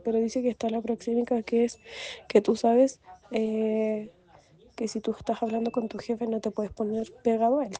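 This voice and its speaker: A woman talks through her study notes on communication in a flat, even tone. Her voice is very dark and mellow. She hesitates often and fills the gaps with "you know" asides. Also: fairly high pitch. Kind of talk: explaining study material.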